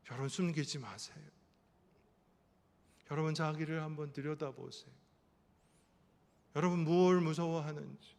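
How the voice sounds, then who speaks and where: A man in his fifties delivers an impassioned sermon in a fairly high voice, carried by the long ringing reverb of a church sanctuary. He drops to near-hushed lines and then climbs back into loud repeated phrases. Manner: impassioned preaching, swinging between soft and loud; emphatic repetition. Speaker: pastor and counseling professor.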